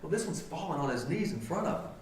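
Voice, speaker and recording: A man preaches to his congregation in an earnest, conversational way, leaning on rhetorical questions. His pitch climbs and falls with real liveliness and sits a touch high. He is caught from some distance in a very echoey church hall. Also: big pitch swings, quick pace, a little mellow, slight background noise. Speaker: pastor. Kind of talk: sermon. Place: church sanctuary.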